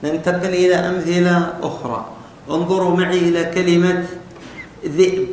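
A man's voice: flat delivery, a little fast, darkish tone. A male teacher explaining spelling rules step by step to a class, often asking them questions. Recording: very echoey room with faint rumble.

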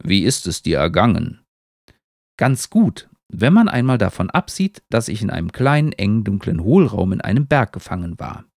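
A small, cautious beetle from a spoken storybook talks in a measured, lively low voice, as a male reader puts him on. There is a gravelly grain, and the sound is dry and close. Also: no echo, full character voice. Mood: friendly.

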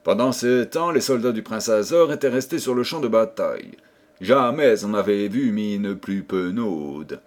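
A man's voice: on the low side, expressive, unhurried. A man reading a fairy tale aloud for an audiobook, telling it expressively. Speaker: audiobook reader.

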